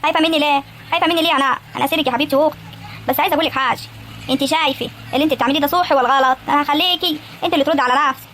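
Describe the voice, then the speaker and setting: A woman's voice: sits high, very fast, a bit bright, a little hiss or hum. A woman with an Egyptian accent voicing a bossy, caring young wife and older sister in a cartoon comedy, prying and giving advice. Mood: advising. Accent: Egyptian Arabic. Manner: teasing, prying, advising. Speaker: voice actor in animated comedy. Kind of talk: animated cartoon acting.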